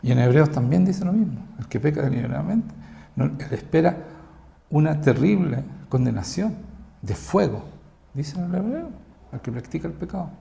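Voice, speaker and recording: Brief: male Chilean pastor, fairly high gravelly voice, emphatic sermon full of rhetorical questions. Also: lively intonation, normal speed. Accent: Chilean Spanish. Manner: swings between loud and low delivery.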